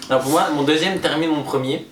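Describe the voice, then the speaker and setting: A young man joking with friends, his voice slightly high and a little far from the mic. He often trips over his words as he talks through riddles. The room is echoey and music plays behind him. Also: quick pace. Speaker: co-host. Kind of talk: casual chat solving riddles.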